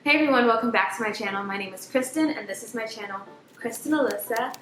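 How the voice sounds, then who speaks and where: A woman's voice: fairly high pitch, quick pace, roomy sound, over loud music. A young woman from Jamaica, chatting casually and jokingly as she hosts her cooking vlog. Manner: bubbly, jokey, laughs often. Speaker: cooking vlogger.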